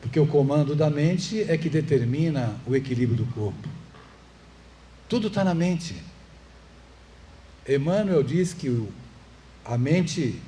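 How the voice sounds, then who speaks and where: A man's voice: a little high, mellow, a little hiss or hum. A man with a Brazilian Portuguese accent giving a public lecture at a spiritist center. He speaks conversationally, asks the audience rhetorical questions and adds light jokes. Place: meeting hall of a spiritist center.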